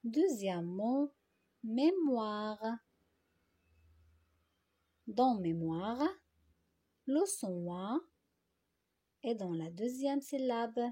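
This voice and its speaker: A woman teacher walks young children through a phonics exercise at a very slow, careful pace. She repeats each word and stretches it out syllable by syllable. Her voice is mellow, soft and a little high. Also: animated, slightly rough. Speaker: primary school teacher.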